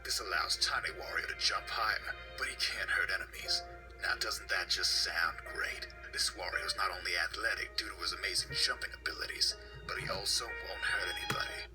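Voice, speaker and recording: A man narrating a parody countdown in a breathy, mock-seductive whisper, deadpan throughout. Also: low voice, brisk. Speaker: video narrator. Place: home. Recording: voice-over with loud music behind.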